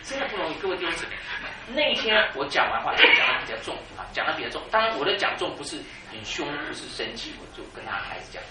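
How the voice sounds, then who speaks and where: Brief: preacher in his fifties, lively pitch, echoey hall from far off. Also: quick pace, a crowd in the background. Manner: animated storytelling, laughing at his own jokes. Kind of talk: sermon. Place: church hall. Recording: echoey church hall, mic far off, noisy.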